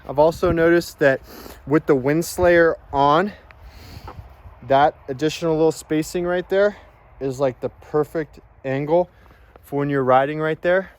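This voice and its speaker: Man, higher-than-average voice, casual product reviewer, informal instructional delivery, noticeable background noise.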